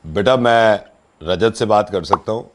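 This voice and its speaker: A middle-aged man with a lowish voice makes a radio prank call at an unhurried pace, with a slight hiss or hum on the line. Posing as a family friend, he starts out earnest, then turns teasing, his voice rising as he gets worked up.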